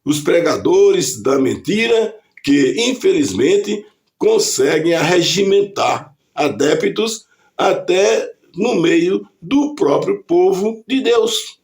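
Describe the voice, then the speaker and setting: Slow, deliberate Brazilian preacher man. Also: sits high, expressive, a little mellow. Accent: Brazilian Portuguese. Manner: slow, deliberate preaching delivery reading scripture aloud. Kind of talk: scripted devotional reflection.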